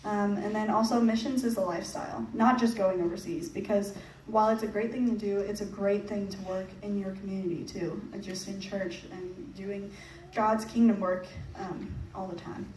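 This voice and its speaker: A woman's voice: mid-range voice, fairly even intonation, normal speed, few pauses, a little mellow. Chatty young woman in an echoey church hall. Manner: chatty, laughs often, many fillers. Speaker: mission trip presenter. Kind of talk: casual talk to a church audience. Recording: echoey hall, picked up from a distance, faint noise.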